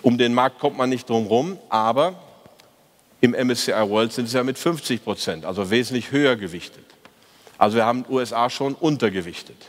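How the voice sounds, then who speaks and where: A man's voice: mid-range voice, fairly quick. A man giving a conference talk as a fund manager, reviewing the market year in an opinionated, ironic way with frequent hesitations. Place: conference hall, on stage. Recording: reverberant conference hall.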